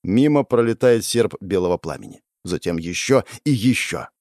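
A male audiobook narrator reading a fast fantasy battle in first person, with a lively voice that rises and falls sharply. His delivery is intense and dramatic, and he breaks into loud exclamations at the big moments. He is recorded close on a studio mic, with a dry sound and no room echo. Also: on the low side. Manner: intense, bursts into shouted exclamations.

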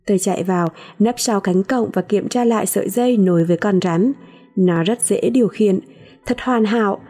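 A woman narrating a novel in the first person in a measured storytelling voice. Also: medium pitch, warm tone. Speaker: audiobook narrator.

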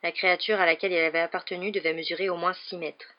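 Audiobook reader, steady narration. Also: medium pitch, fast. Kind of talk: scripted narration. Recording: dull lo-fi audio.

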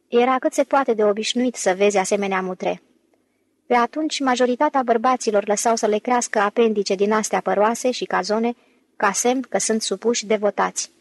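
Brief: woman narrator for an audiobook, steady storytelling, slightly high voice, dry studio sound. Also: no room sound. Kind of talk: scripted narration.

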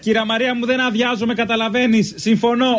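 Stingy gruff tenant, blunt and dismissive, high-voiced, voiced by a man. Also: level tone, fairly bright tone. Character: gruff middle-aged male tenant, stingy, rude. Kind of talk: prank call comedy.

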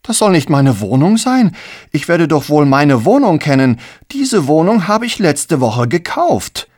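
Guy doing a flustered homeowner yelling, voice jumping way up, dry close sound. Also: fairly high pitch, big pitch swings, slow pace, no echo, pitched above the performer's own voice, exaggerated voice. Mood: outraged. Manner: agitated, shouting. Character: flustered middle-aged man, indignant new flat owner. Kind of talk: audiobook character voice.

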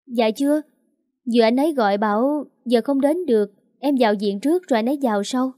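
A woman voicing an anxious young pregnant woman who pleads softly and hesitantly. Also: a little high, a little fast, dry recording, clean studio sound, close to an everyday voice.

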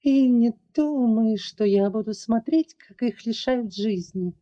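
A woman voicing a fierce young dragoness who defends orphans, accusing and high-strung. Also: slow pace, mellow, highs cut off. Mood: furious. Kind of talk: audiobook character voice.

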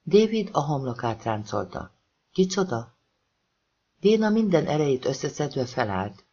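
A man reading a thriller novel aloud as an audiobook narrator, pacing it with tense pauses. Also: mid-range voice, big pitch swings, mellow, muffled recording.

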